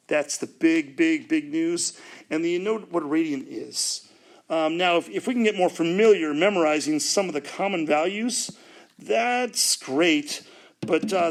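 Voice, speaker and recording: Man, math teacher, gravelly voice, a little high, jokey and rambling, video lesson. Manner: jokey, rambling, talks while drawing on a board.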